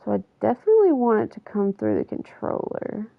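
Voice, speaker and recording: A woman's voice: medium pitch, huge pitch swings, fairly quick, vocal fry, dry recording, phone-quality sound. A woman chatting casually on a livestream while she plays a video game, rambling and self-correcting as she talks and laughing easily.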